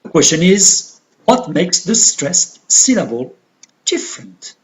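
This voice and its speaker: Male English teacher, high lively voice, measured classroom delivery. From Algeria. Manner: slow and deliberate, stressing key words. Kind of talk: classroom lesson on word stress.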